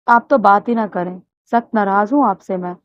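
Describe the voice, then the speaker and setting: A woman's voice: mid-range voice, dry recording, close to an everyday voice. Give me a woman voicing a spirited young woman, light and playful, in a dull recording.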